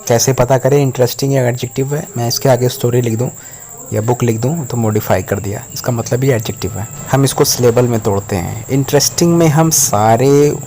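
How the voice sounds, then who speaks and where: A man's voice: medium pitch, moderate pace, warm tone, slight background noise. A man teaching an English grammar lesson, explaining patiently step by step.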